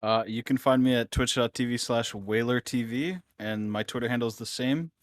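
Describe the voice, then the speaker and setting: A man's voice: medium pitch, normal speed, dry recording. A man who is a guest streamer, thinking aloud casually in a roundtable chat with many "like"s.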